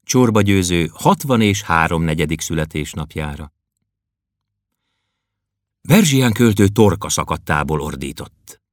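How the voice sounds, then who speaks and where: Low-voiced man reading a playful story. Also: animated, long pauses, dry recording, studio quality. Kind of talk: reading a children's story aloud.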